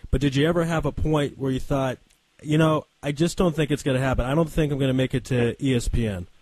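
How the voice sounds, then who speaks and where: A man's voice: mid-range voice, fairly even intonation, fast talker, a little mellow, no echo, rough recording. A man hosting a sports radio show, asking questions in a friendly, conversational way with small hesitations. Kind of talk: radio interview.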